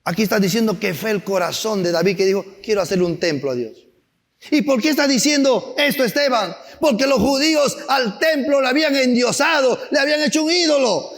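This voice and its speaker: A man preaching a sermon as pastor, animated and acting out stories, at times shouting. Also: very high-pitched, fairly quick, gravelly, few pauses, long reverb tail. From Peru. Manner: animated, acts out anecdotes with voices, sometimes shouting.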